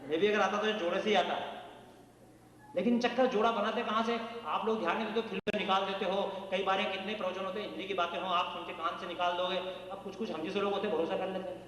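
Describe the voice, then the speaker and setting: A high-voiced man from central India performs comic poetry for a live festival crowd, talking fast and joking in a chatty way. His voice rings out through a big, echoey hall with a long tail. He sounds like he is standing well back from the microphone. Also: steady tone, fairly bright tone, a little hiss or hum. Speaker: comic poet performing on stage. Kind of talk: humorous poetry recital to a live audience. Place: large hall at a festival event. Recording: echoey hall, distant mic.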